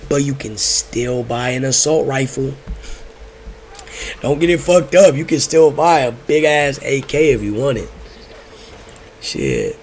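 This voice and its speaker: A man's voice: mid-range voice, big pitch swings, a little slow, pauses often, a little mellow, a little hiss or hum. A young American man telling stories casually in laid-back stoner talk, slangy and profane, rambling and repeating himself. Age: young adult. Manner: rambling, repeats phrases, drifts off track. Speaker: host telling personal stories.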